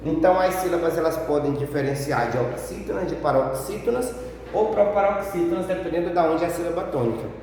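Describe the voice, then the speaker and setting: A man's voice: fairly high pitch, darkish tone, recorded from a distance, slight background noise. A male teacher with a Brazilian accent giving a grammar review lesson, stretching out the syllables of example words and answering a pupil's question himself. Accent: Brazilian Portuguese. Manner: slow, drawn-out syllables for examples. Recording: echoey room, voice from off-mic.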